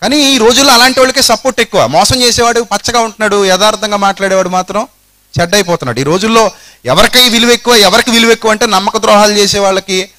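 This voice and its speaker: Animated Telugu preacher telling a story. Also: male voice, high-pitched, quick pace. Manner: dramatic, acts out the characters' voices. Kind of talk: storytelling sermon.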